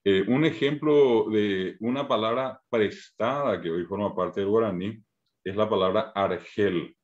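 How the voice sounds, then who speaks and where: Over a video call, a man with a Paraguayan Spanish accent teaches a Guarani class in a fairly low voice, and the sound is lo-fi. He's patient, slowly sounding out each syllable one by one in this online language lesson.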